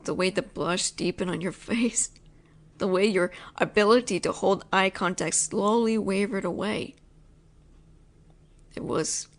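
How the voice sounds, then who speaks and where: In an intimate audio roleplay, a young woman voice actor plays a possessive, teasing roommate. She speaks low and lingers over her words, sometimes sinking into whispers.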